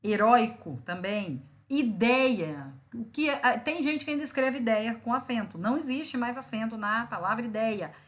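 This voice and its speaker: This recorded grammar lesson comes from a woman teacher with a fairly high voice. She explains each step, checks in with her students, and draws syllables out slowly for emphasis.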